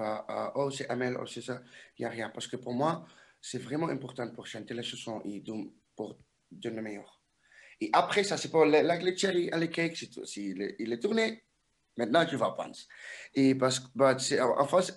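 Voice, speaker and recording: Guy from curaçao w/ his accent, stumbles thru french, drops english words, chatty interview. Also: medium pitch. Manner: halting French mixed with English. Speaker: singing contestant, guest. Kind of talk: casual interview.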